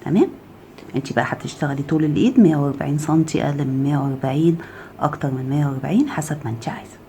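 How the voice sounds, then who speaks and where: A woman's voice: low voice, very fast, a little hiss or hum. A woman with an Egyptian Arabic accent gives a step-by-step crochet tutorial, counting stitches aloud and often checking "okay?". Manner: drops to a soft murmur while handling the work. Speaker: crochet teacher.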